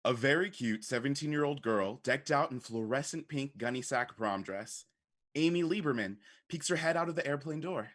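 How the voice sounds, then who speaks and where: A man's voice: mid-range voice, moderate pace, fairly bright tone. Man reading stage directions. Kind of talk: scripted narration.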